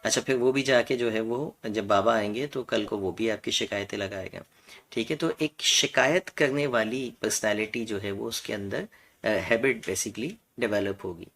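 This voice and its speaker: A man's voice: fairly low pitch, moderate pace, a bit bright. A man with a Pakistani Urdu accent giving a parenting advice lecture, explaining step by step in numbered points and mixing in English words.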